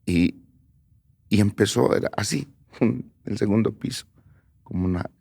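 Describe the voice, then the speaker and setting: Testimony guest: low, gravelly man, husky, halting, often near a whisper. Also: dry recording. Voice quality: creaky, husky voice. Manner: halting storytelling, drops to a soft near-whisper. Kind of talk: personal testimony on radio.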